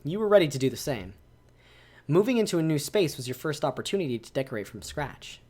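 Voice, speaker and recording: A male streamer reads a visual novel aloud to his viewers. He breaks off to react to the choices with excited exclamations, his pitch swinging widely. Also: quick pace. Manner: animated, exclaims and reacts while reading.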